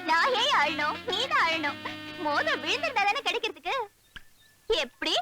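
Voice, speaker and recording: A woman's voice: very high-pitched, sing-song, moderate pace, loud music behind the voice. An actress playing a scheming young heroine who mocks the man she has pranked in a comic film scene. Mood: mocking. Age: young adult. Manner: scheming and mocking.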